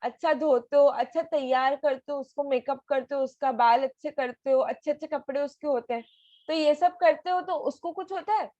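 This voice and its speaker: This woman has a high-pitched, mellow voice at a normal pace, recorded without echo and with the highs cut off. Over a video call, she patiently teaches an online children's class, asking lots of questions.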